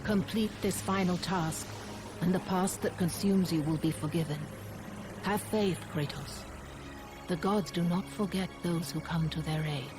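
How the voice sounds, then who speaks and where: A woman playing a stately, commanding Greek goddess in a video game, speaking formally and gravely. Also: lowish voice, a little slow, natural voice. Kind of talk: dramatic video game acting. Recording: music under the voice.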